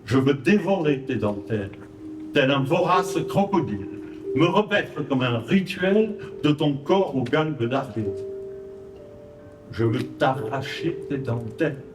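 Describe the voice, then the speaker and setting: A man with a Provençal accent recites his verse on stage, each line measured and rhythmic. His speech is unhurried and his voice sits a little high. A zither plays clearly behind him, and the recording is roomy and picked up from a distance. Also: lively intonation, music in the background. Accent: Provençal French. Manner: measured, rhythmic verse delivery with brief spoken introductions. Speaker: poet. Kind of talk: live poetry recital. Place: stage at an art exhibition. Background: zither accompaniment.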